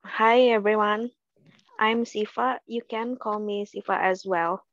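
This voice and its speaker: A woman's voice: mid-range voice, steady tone, measured pace, no room sound. A woman from Bandung, a technical writer, giving a polite, careful self-introduction in English in class. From Bandung, West Java. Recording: dull dry online call audio.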